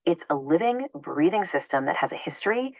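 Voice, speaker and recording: A woman's voice: sits low, lively intonation, fairly quick, a little mellow, dry recording, rough recording. A woman narrating a scripted explainer video in an upbeat, conversational presenter tone.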